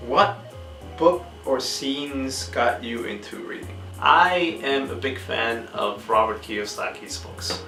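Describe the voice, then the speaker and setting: Young man, bright voice, earnest, measured, echoey room, mic a bit far off, faint guitar music. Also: mid-range voice, creaky. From Peru. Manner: earnest, measured, sometimes searching for words. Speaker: book channel host. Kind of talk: casual vlog, answering questions.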